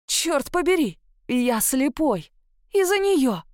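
A woman voicing a proud young man who shouts in anger and panic. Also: sits high, big pitch swings, slow pace, dry recording, studio quality, voice pushed up, heavily acted. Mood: panicked. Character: proud young man, suddenly blinded, angry.

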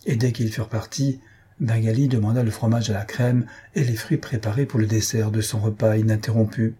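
Casual: guy reading an old novel out loud, steady n calm, low mellow husky voice. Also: a little fast. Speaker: audiobook narrator. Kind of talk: scripted narration.

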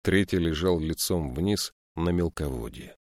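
A man narrating an audiobook in a measured storytelling manner. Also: deep voice, darkish tone, no room sound, clean studio sound. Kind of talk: scripted narration.

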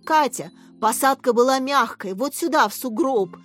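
Woman reading as an easygoing young man, calm, lowered voice, reassuring, faint music. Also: normal speed.

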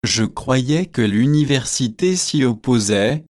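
A man reading aloud and voicing an irritable young male student, in a slow, measured way. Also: medium pitch, expressive, darkish tone. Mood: irritated.

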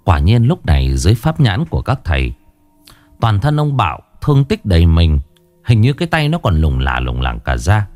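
A man narrating a ghost story in a dramatic, expressive way. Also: sits low, moderate pace, no room sound, soft background music.

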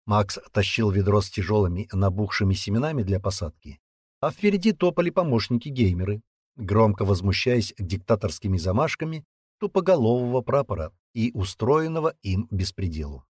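A man narrating a story in an expressive, lively reading voice. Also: fairly low pitch, fairly quick, breathy edge, no room sound, clean studio sound. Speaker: audiobook narrator. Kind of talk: scripted narration.

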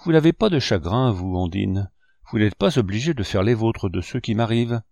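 A man reading the lines of a kindly, grave painter who is an uncle, in a gentle, fatherly manner. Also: lowish voice, animated, normal speed, gravelly, dry recording.

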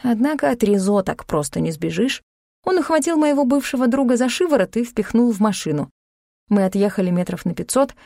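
Female audiobook narrator, sardonic first-person read, mellow dry tone. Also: on the high side, animated, fairly quick, creaky, no room sound.

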